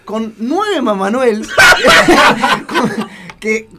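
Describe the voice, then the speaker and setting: A man's voice: very high-pitched, very animated, extremely slow, heavy background noise. An Argentine man telling a funny story in a casual radio chat, laughing often. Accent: Argentine Spanish.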